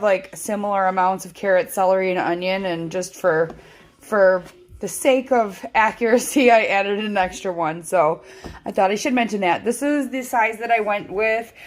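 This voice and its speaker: At medium pitch and a moderate pace, a woman hosts a casual cooking tutorial in her own kitchen for her home cooking channel. She rambles and chats with frequent ums while filming on a handheld phone, feeling her voice sounds off.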